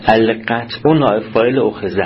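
During a jurisprudence lecture at a seminary, the teacher reads from Arabic texts and then explains them in Persian, frequently putting questions to his students. His voice is fairly low-pitched, the high frequencies are cut off, and there is slight background noise.

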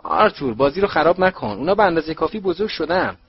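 A man voicing a jolly, excitable middle-aged male sports official in an audiobook reading. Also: breathy edge, muffled recording. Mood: cheerful. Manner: eager, booming, bouncy.

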